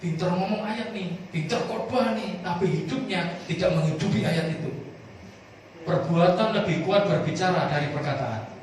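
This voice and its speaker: A male pastor preaching a sermon, animated and calling on the congregation to answer together. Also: high-pitched, normal speed. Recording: echoey room, far from the mic, clear noise.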